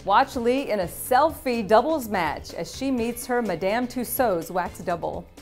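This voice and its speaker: A woman's voice: on the high side, lively intonation, a little slow, faint music behind. A woman presenting a scripted sports news roundup, upbeat and polished, with light quips between items.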